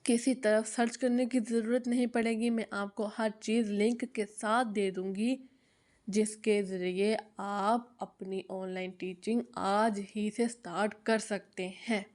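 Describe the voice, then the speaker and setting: A woman's voice: mid-range voice, fairly even intonation, measured pace, a little mellow. A young woman giving a casual, chatty how-to talk about teaching online, with frequent fillers and repeated phrases.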